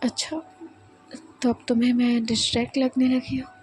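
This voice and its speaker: A woman's voice: a little high, little pitch movement, moderate pace, a little mellow, soft background music, lightly acted. A woman playing a playful, teasing young woman.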